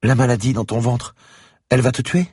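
Eerie little girl, voiced by a man, husky breathy child voice, urgent and repetitive, dry close audiobook sound. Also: mid-range voice, flat delivery, fairly quick, darkish tone, dry recording, voice pushed up, lightly acted. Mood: pleading. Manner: urgent, repeats herself. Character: eerie insistent little girl, night visitor. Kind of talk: audiobook character voice.

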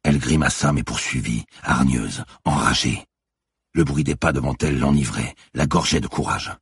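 A man narrating a thriller audiobook in a tense, measured, scripted delivery. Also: very deep voice, husky, no room sound, studio quality.

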